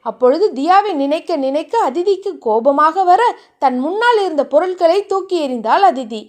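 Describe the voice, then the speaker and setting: A woman narrating a romance novel in a steady, even reading voice. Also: extremely high pitch, moderate pace.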